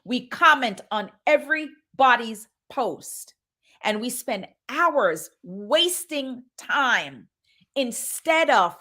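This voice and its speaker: Woman in her fifties, minister, bright tone, lively rising and falling pitch, urgent preaching. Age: 50s. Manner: urgent, preaching, repeats phrases for emphasis. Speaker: minister and motivational host. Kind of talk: motivational sermon.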